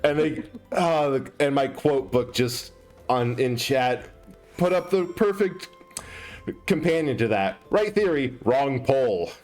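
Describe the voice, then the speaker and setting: A man's voice: mid-range voice, expressive, slow pace, a little mellow, faint music behind. A man streaming a game, chatting casually and laughing often as he jokes. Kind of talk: casual chat while gaming.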